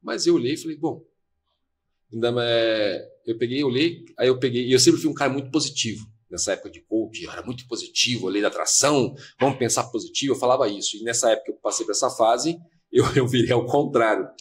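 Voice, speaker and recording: Fast, husky man telling a story. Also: medium pitch. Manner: fast, earnest, replays dialogue. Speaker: podcast guest. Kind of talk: emotional personal storytelling. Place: podcast studio.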